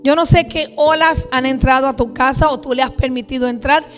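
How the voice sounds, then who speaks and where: A woman's voice: high-pitched, fairly even intonation, a little fast, soft background music. A woman pastor preaching a sermon emphatically, stretching out key words and stacking phrases in lists. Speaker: pastor and prophet. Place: church.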